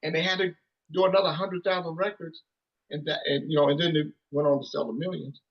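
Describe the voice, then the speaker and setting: Speaking fast in a slightly high, husky, level-toned voice, the thirty-something musician rambles through casual interview stories full of "you know" and restarts. The recording sounds muffled.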